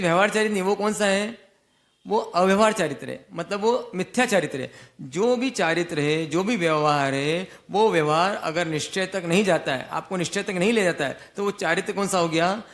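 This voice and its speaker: A man with a notably high voice delivers a Jain spiritual discourse. He teaches by asking rhetorical questions, then answering them, and circles back to restate each point. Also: fairly bright tone. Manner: repeats and rephrases key points.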